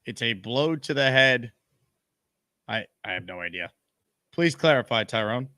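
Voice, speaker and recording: A man's voice: mid-range voice, expressive, unhurried, bright, forceful tone, no echo, studio quality. A man hosting a live sports call-in show.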